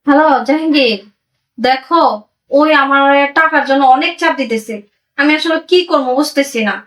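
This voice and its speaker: An actress playing a deceitful young wife, pleading and wheedling, with a Bangladeshi accent. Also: female voice, high voice, moderate pace, a bit bright. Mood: anxious. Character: deceitful young wife hiding spent money. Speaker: migrant worker's wife. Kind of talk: amateur drama acting. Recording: voice distant from the mic.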